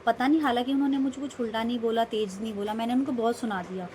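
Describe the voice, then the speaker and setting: In a laid-back vlog, a young woman races through a rambling, emphatic account of her day, speaking rapid-fire in a steady tone. Her voice is higher than average yet darkish, and a faint hiss or hum sits under it.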